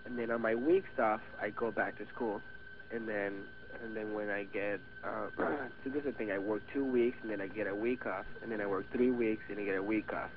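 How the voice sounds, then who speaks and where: A man's voice: fairly low pitch, a little fast. An eighteen-year-old man with a Venezuelan Spanish accent, a native Spanish speaker, talking casually and hesitantly in an interview, with many restarts. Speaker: guest actor. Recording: tinny phone-like radio audio with faint hiss.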